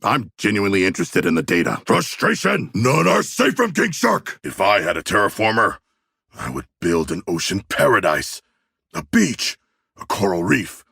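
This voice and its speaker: An actor playing a huge, proud, bookish male shark warrior in a video game, speaking in formal, stilted, literal-minded phrases with a gravelly, husky voice. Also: lowish voice, big pitch swings, normal speed, fairly bright tone, dry recording, studio quality, heavily acted. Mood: fierce, booming. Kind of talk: video game character voice lines.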